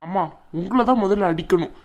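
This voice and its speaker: A woman's voice: mid-range voice, fairly quick, darkish tone, dull audio, close to an everyday voice. A woman voicing a hot-tempered cartoon brother. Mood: scolding. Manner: gruff, scolding, impatient. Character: hot-tempered young man, elder brother. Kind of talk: cartoon voice acting.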